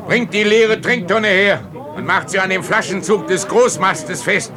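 An actor playing an obsessed, commanding whaling captain in an audio play, imperiously barking orders. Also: male voice, high-pitched, a little slow, crowd noise. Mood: commanding, urgent. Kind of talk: dramatised audio play acting.

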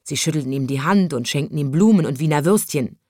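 A woman's voice: sits low, expressive, fast talker, darkish tone, no room sound, studio quality. Woman reading a children's story.

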